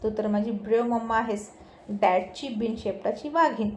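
A woman's voice: fairly high pitch, normal speed, a little mellow, roomy sound, slight background noise, natural voice. A woman voicing a cheerful, teasing young man speaking to his parents. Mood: playful. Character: cheerful young man, playful grown son.

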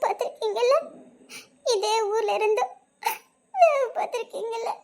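A wounded young wife , voiced by a woman, speaks in a very high, thin voice. She sounds tearful and bitter as she levels her accusations in a spoken drama. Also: flat delivery, normal speed, a little mellow. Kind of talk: Tamil audio drama acting.

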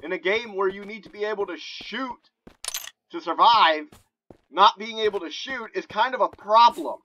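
A man giving casual, excitable commentary while he plays a shooting game, talking to himself into a close mic. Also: sits high, moderate pace, muffled recording. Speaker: gamer. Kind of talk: gameplay commentary. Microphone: desk mic held close. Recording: noisy home recording.

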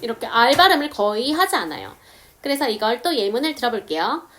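A woman explaining English words step by step, saying example sentences slowly. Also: fairly high pitch, big pitch swings, fairly bright tone. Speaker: English teacher. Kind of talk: casual video lesson.

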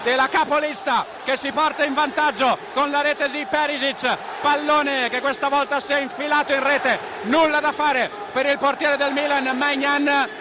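A man giving breathless, excited live radio football commentary, shouting out goal calls and repeating words. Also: extremely high pitch. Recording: loud stadium crowd noise behind radio commentary. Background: roaring football stadium crowd.

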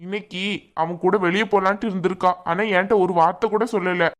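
A woman's voice: lowish voice, fairly even intonation, quick pace, lo-fi sound, close to an everyday voice. A woman voicing an angry, suspicious young husband in a cartoon, speaking curtly in a Tirunelveli Tamil accent. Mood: accusing. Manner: accusing, curt. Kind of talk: cartoon voice acting.

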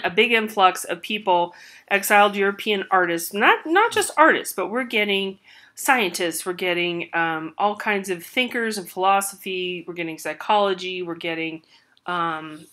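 A woman's voice: medium pitch, animated, normal speed, sharp tone. A woman giving a recorded art history lecture with hiccups, talking loosely with many fillers and restarts.

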